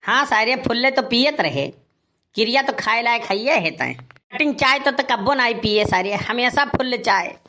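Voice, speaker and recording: In Awadhi cartoon comedy dialogue, a man plays an aggrieved, boastful village husband who grumbles and scolds in a rustic eastern Uttar Pradesh accent, sounding exasperated. His voice is very high-pitched and expressive, at normal speed, over a noisy background.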